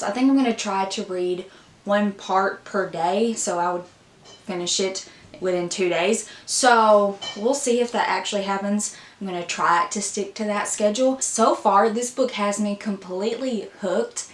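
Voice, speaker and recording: Woman gushing about books on her channel, chatty, mid pitch, roomy echo. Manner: upbeat and chatty, with fillers like "like". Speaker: book vlogger. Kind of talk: casual chat.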